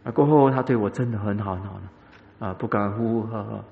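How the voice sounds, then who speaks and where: A man giving a sermon as pastor, speaking straight to the congregation and telling a personal story with many drawn-out filler sounds. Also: fairly low pitch, gravelly. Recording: echoey hall, dull lo-fi sound.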